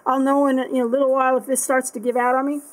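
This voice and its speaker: A woman's voice: high-pitched, flat delivery, rapid-fire, rough recording. A woman casually chatting through an art supply unboxing, thinking aloud with lots of fillers and restarts.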